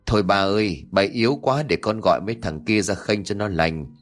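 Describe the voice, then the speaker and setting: A man voicing a brash, greedy young male schemer who talks in an excited, wheedling way. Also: lowish voice, a little fast, soft background music, natural voice. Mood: eager.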